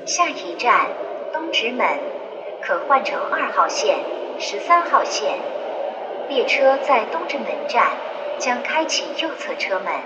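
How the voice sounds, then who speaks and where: A woman's voice: on the high side, very animated, a little slow. A woman making a formal, scripted subway announcement to passengers as a train announcer. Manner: formal passenger-information delivery. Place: inside an airport express train. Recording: dull noisy train public address. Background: train ambience and clear noise.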